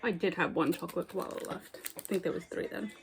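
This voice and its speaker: Young woman, gravelly voice, blunt and chatty, phone camera, faint background noise. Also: lowish voice, a little fast. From United States. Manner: chatty, blunt, talks with mouth full. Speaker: vlogger. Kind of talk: casual snack taste test.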